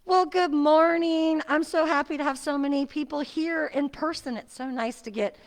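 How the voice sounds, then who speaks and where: Her voice is high-pitched with a steady tone at normal speed, muffled by the face mask she wears. She's a middle-aged fitness instructor making casual chitchat before class in a seniors' center exercise room. She's chatty and friendly and laughs frequently.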